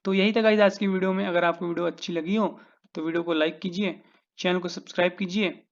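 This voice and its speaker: A man's voice: sits high, steady tone, fast talker, dull audio. A man with an Indian accent teaching English phrases in a casual lesson, drawing out his example sentences word by word and calling his viewers "guys".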